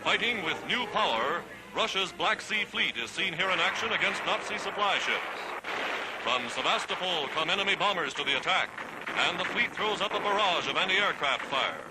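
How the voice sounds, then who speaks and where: Over loud background music, a man delivers 1940s newsreel narration in a scripted, dramatic and declamatory manner. His voice is high and animated at a normal pace. The low-quality recording is a vintage newsreel soundtrack from the 1940s with loud music.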